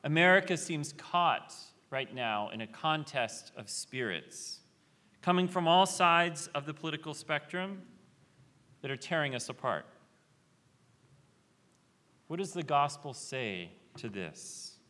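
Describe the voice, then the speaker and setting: Slow, bright-voiced male preacher in a hall. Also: on the high side, animated. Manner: measured, reflective, with rhetorical questions. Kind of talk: sermon. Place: large convention hall. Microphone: podium microphone. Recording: reverberant hall.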